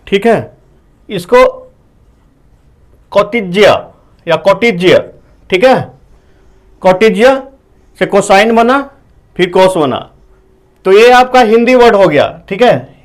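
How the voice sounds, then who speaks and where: A man teaching a whiteboard math lesson, explaining step by step, asking his students questions and saying "okay" between points. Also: high voice. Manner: explains slowly, asks the class questions.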